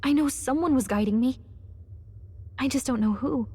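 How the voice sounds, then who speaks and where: An actress playing a small, earnest fairy companion in a fantasy game, hesitant and wondering, with a breathy voice. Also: female voice, sits high, moderate pace, dark tone. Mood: puzzled, wistful.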